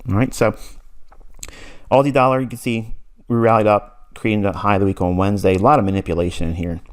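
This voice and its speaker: A man's voice: fairly low pitch, steady tone, fast talker. A man in his forties giving a recorded trading mentorship lesson, blunt and insistent, repeating points and laughing briefly. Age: 40s. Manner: blunt, insistent, lecturing with repetition and short laughs.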